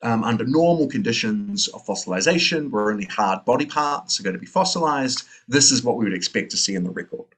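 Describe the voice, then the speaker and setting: A man's voice: medium pitch, animated, a little fast, hardly any pauses, fairly bright tone, slightly rough. New Zealand man giving a lecture. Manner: thinking aloud, many fillers and tag questions. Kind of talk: academic lecture.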